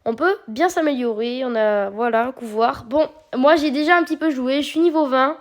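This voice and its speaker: A woman who makes mobile game videos gives casual, chatty commentary as she guides viewers through a game. Her voice is slightly higher than average, and she speaks at a normal pace, patiently explaining each step with small hesitations in between.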